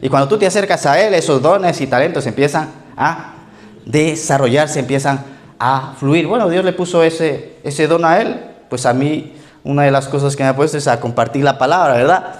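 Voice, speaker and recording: A man in his thirties preaching a relaxed, conversational sermon in a church, joking and often checking in with "ok?" and "right?". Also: fairly high pitch, normal speed. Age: 30s. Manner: joking, frequent "¿ok?" and "¿verdad?" tag questions. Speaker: pastor.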